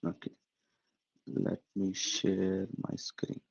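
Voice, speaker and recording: A man hosting a webinar on a video call, speaking haltingly with many fillers while he checks whether people can hear him. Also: low voice, monotone, creaky, a little mellow, husky, muffled recording. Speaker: webinar host. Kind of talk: casual webinar setup chat. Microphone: computer mic on video call.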